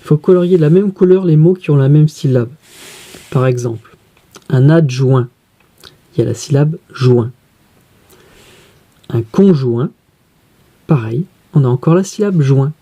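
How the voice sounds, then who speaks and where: A woman teacher guiding pupils through a reading workbook, spelling letters out slowly and carefully. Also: deep voice, expressive, dark tone, breathy edge.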